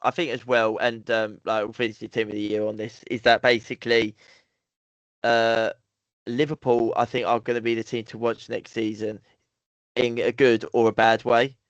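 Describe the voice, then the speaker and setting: A man with a mid-pitched voice lays out his football opinions in a steady, even manner. His sound is dry and a little muffled, as on a basic podcast mic. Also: moderate pace, no echo. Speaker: podcast co-host. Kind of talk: casual football debate.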